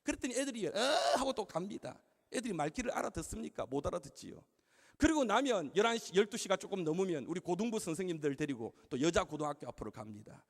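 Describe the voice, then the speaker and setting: A man's voice: sits high, big pitch swings, fast. A middle-aged man preaching a sermon, telling stories with comic acted-out dialogue. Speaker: pastor. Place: large seminary chapel. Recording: long hall reverb in a chapel.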